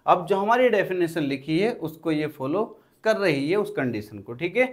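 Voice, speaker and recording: High-voiced male Hindi teacher. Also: very animated. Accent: Hindi, Uttar Pradesh. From India. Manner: answers his own questions in the students' voice; repeats key phrases slowly while writing on a board. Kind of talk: exam-prep Hindi grammar lesson.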